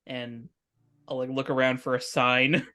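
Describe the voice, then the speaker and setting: Low-voiced woman, halting storyteller. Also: level tone, a bit bright, soft background music. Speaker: player in a tabletop role-playing show. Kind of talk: casual improvised storytelling.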